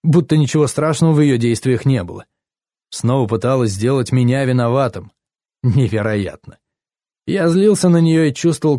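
A man's voice: medium pitch, mellow, no echo, clean studio sound. A man narrating a first-person story in a brooding, bitter way.

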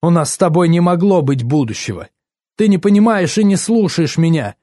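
A manipulative young woman pleads and snaps by turns, as a male audiobook narrator raises his voice to play her. Her tone stays dark and mellow. The sound is close and dry. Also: fairly high pitch, moderate pace, no echo, voice pushed up, close to an everyday voice. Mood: indignant. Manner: emotional, pleading then indignant. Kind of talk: audiobook character voice.

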